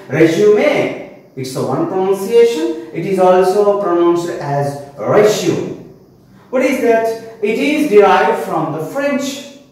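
Echoey high-voiced Indian English teacher. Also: male voice, darkish tone. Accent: Telangana Indian English. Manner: repeats definitions, asks and answers own questions. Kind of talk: online class lecture. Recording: very echoey room, mic far off.

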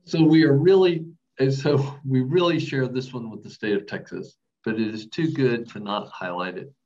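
A man reading a scripted presentation in a steady way. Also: mid-range voice, moderate pace, highs cut off.

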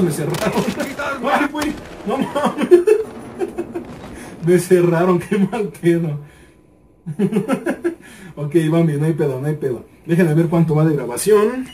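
Mexican man streaming a shooter game, high voice, heard from a distance over loud game noise, excitable and foul-mouthed. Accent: Mexican Spanish. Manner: excitable, swearing, repeats words in bursts. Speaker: gaming YouTuber. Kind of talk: casual gameplay commentary.

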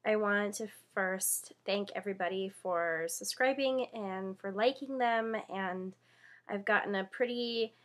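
A young woman vlogging to camera with a congested, nasal voice from a cold, halting with many fillers. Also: medium pitch. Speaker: beauty vlogger. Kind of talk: casual chat to camera.

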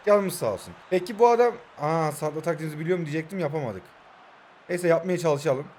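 A man's voice: high voice, a little mellow. A man in his twenties chatting casually as he plays a mobile football game and reacts to each move. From Turkey. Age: 20s. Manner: chatty, keeps saying hocam, flares up at the referee. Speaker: mobile football gamer and streamer. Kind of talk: casual gameplay commentary.

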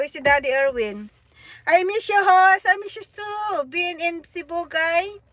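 High-pitched giggly woman streamer. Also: a bit bright, no room sound. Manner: giggly, teasing, reads viewer comments aloud. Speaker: livestream host. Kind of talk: casual livestream chat.

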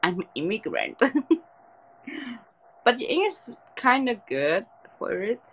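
Lying down in her bedroom at night, a young German livestream host chats casually with her viewers into a phone held close. Her voice is a little high and slightly rough, with a German accent and a slow pace, and the recording itself is rough.

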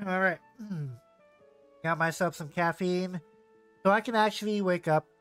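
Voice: medium pitch, slow, a bit bright. A game streamer in casual let's-play chat, sleepy and yawning, talking straight to the viewers. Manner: chatty, talks to viewers. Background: faint game music.

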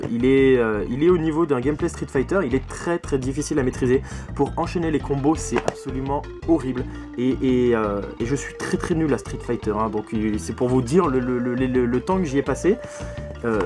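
A man in his twenties gives a casual video game review from a small bedroom at home. His voice is medium-pitched with a darkish tone, and he's opinionated and emphatic, often repeating words and swearing.

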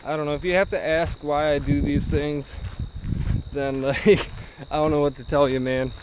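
A man's voice: fairly high pitch, level tone, moderate pace. Guy in his 30s doing a casual hiking vlog, offhand muttered bits, crickets and outdoor noise all around. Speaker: vlogger. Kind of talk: casual outdoor adventure vlog, talking to camera while hiking. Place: outdoors in overgrown prairie. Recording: noisy outdoors, insects and nature sounds. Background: crickets, insects, outdoor ambience.

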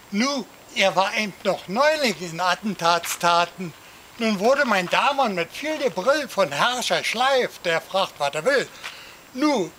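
A man reciting a rhyming comic poem for an audience, lively, jumping up in pitch for shouted cries. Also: slight background noise, rough recording. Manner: lively storytelling, swings voice up for quoted cries. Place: outdoor garden theatre.

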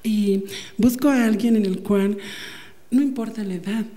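A Mexican man in his twenties, from Mexico City, giving a comic audition, soft and giggly, holding a handheld mic in an indoor casting room. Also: high-pitched, measured pace. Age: 20s. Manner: soft, sweet and giggly, gushing about tenderness. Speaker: audition candidate.

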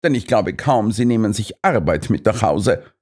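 A man's voice: on the low side, animated, moderate pace, darkish tone. A man voicing a self-assured male master detective who lectures and explains triumphantly. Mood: lecturing.

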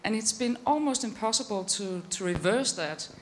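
A woman's voice: medium pitch, expressive, normal speed, slight background noise. A middle-aged woman from Denmark, speaking frankly on a conference panel. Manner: frank, exasperated. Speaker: panelist researcher. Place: conference stage. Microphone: handheld mic.

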